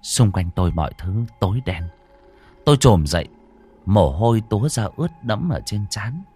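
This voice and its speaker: A man narrating a first-person horror story in an expressive, dramatic way. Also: fairly low pitch, normal speed, husky.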